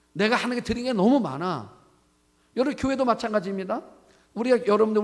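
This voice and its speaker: A male pastor preaching a sermon, telling a story and putting questions to the congregation. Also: sits high. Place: church sanctuary. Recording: long church reverb.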